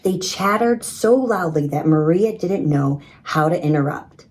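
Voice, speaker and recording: A woman reading a children's story in an expressive, measured storytelling manner. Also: sits low, rough recording. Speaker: storybook reader. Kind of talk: scripted children's story narration.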